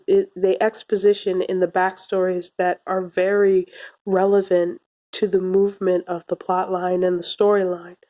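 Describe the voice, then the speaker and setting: A young woman with a soft, slightly cracking voice as she recovers from illness, giving a casual, laid-back review to camera in a small room. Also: mid-range voice. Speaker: video reviewer. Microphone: phone or webcam at arm's length.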